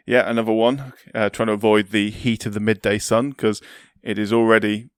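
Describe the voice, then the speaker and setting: A man's voice: lowish voice, flat delivery, moderate pace, clean tone, no room sound, studio quality. A man chatting casually as a podcast host. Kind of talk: casual chat.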